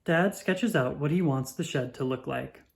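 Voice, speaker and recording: Reading a children's picture book aloud, this narrator uses a medium-pitched, creaky voice with an expressive, measured storytelling delivery.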